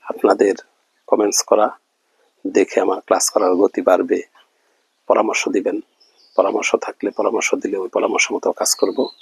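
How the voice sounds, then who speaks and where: A man teaching Quran reading in an online lesson, drilling Arabic letters with slow, drawn-out repetition. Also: fairly low pitch, flat delivery, creaky, slightly rough, no echo, poor audio.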